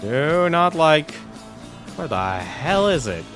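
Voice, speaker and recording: A man's voice: a little high, sing-song, slow pace. A man streaming a game and chatting casually, his voice running through a cave echo filter. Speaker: gaming streamer. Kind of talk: casual gameplay commentary. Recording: heavy echo filter, long reverb, faint game music.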